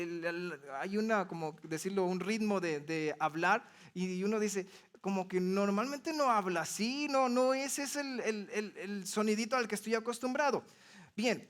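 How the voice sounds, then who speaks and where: A man, preaching a sermon in a conversational way and explaining step by step with everyday examples. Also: sits high. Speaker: pastor.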